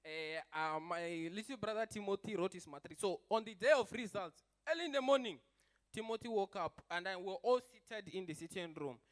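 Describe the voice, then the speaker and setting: Young male stand-up comic with a high voice, rambling and chatty as he tells stories. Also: fairly bright tone. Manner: chatty, rambling, with fillers and quick asides. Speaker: stand-up comedian. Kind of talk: stand-up comedy storytelling.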